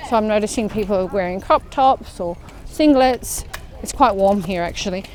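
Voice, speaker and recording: A woman's voice: medium pitch, moderate pace, a little mellow, slight background noise. Chatty Australian woman walking and talking. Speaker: fitness vlogger leading a walk. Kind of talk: casual walk-along chat. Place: outdoor park path.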